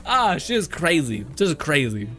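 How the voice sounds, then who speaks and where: A man's voice: a little high, sing-song, unhurried, a bit bright, faint music behind. Laid-back, profane young male streamer. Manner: loose, profane, laughs often. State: hoarse. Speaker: game streamer. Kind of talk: casual livestream chat, reading chat aloud.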